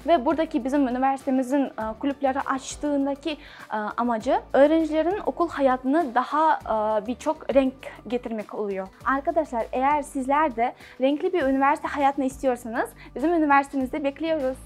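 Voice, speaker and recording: High-voiced young woman, halting foreign broken Turkish. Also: darkish tone, faint music behind. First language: not Turkish. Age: young adult. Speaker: university student. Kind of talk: presentation to camera.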